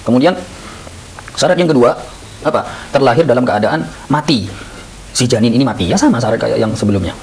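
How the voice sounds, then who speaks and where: A man teaching a lively lesson on Islamic law, who acts out little scenes in raised voices. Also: medium pitch, brisk, long pauses, husky, poor audio. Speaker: Islamic boarding school teacher.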